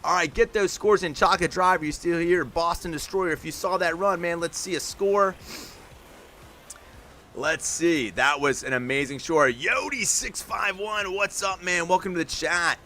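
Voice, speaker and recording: A man hosting a live stream, calling play-by-play commentary with energetic hype and talking straight to his chat. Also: high voice, unhurried, slight background noise. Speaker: stream host and announcer.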